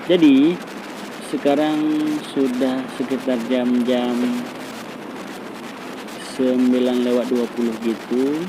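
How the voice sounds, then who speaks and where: A man's voice: medium pitch, noisy background. Motovlogger man talking inside a motorcycle helmet. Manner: talking from inside a full-face motorcycle helmet while riding. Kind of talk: casual vlog chat while riding. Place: inside a full-face helmet on a moving motorcycle, outdoors.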